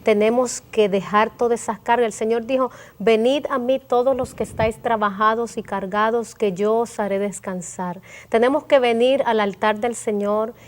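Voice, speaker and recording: A woman's voice: fairly high pitch, fairly even intonation, moderate pace, hardly any pauses. Earnest woman sharing a prayer testimony. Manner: earnest, emotional storytelling with quoted prayers. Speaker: guest.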